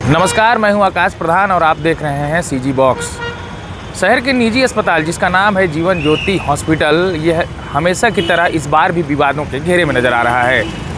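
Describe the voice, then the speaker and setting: A male news reporter giving a brisk, formal report outdoors. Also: a little high, lively intonation, noisy background.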